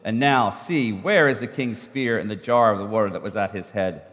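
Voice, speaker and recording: A man preaching a sermon. He reads scripture aloud in measured steps and lifts his voice in the quoted speech, pausing so an interpreter can follow. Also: lowish voice, a bit bright. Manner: measured Bible reading that rises in the quoted speech. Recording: long hall reverb.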